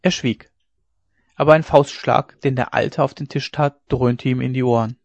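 A man narrating a classic novella in a measured, even storytelling manner. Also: mid-range voice, gravelly, no echo, lo-fi sound. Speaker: audiobook narrator.

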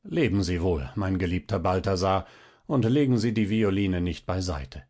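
A man's voice: deep voice, lively intonation, normal speed, a little mellow, voice pushed down. A man voicing a proud, hot-tempered violinist who bursts out in theatrical indignation. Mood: bitter.

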